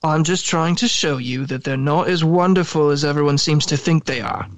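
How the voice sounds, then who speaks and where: A man's voice: a little high, steady tone, moderate pace, pitched above the performer's own voice, natural voice. A man reading aloud and voicing a bitter, resentful teenage schoolboy who speaks defensively and sputters.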